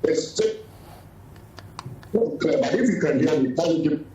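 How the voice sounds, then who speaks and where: A man speaking as a political guest over an unclear, clipped call-in line, in a measured, formal way. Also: on the high side, animated, dark tone, roomy sound, slight background noise. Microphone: remote call-in connection.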